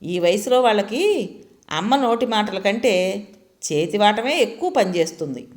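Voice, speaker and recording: A woman's voice: mid-range voice, expressive, measured pace, darkish tone, close to an everyday voice. A woman voicing a bossy, talkative middle-aged aunt who scolds freely. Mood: scolding. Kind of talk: storytelling voice acting.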